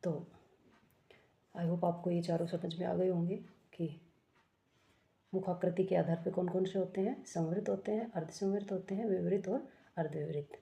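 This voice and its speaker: A woman's voice: on the low side, fairly even intonation, moderate pace, creaky, pauses often, dark tone. A woman teaching an exam-prep grammar lesson, explaining step by step, asking questions and answering them herself, and correcting herself often.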